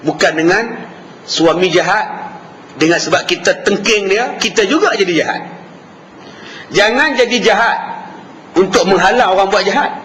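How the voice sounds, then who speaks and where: A man with a Malaysian Malay accent giving a lively religious lecture, acting out quarrels between husbands and wives. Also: sits high, moderate pace, long pauses, slight background noise. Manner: animated, acts out quarrels between spouses. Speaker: preacher. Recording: hall reverb with faint ambience.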